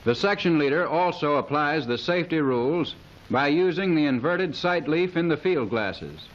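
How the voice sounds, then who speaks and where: This is formal, precise military training narration read from a script, styled after a 1930s instructional film. The man's voice sits a little high and sounds animated at a moderate pace, heard through a dull, hissy period soundtrack.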